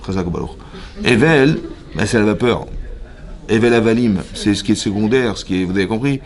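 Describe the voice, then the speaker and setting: A man's voice: lowish voice, fairly quick. A man, a rabbi giving a Torah lesson to a women's class, who keeps checking that his listeners follow and acts out the characters' words as he explains. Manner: lively, questions the listeners often.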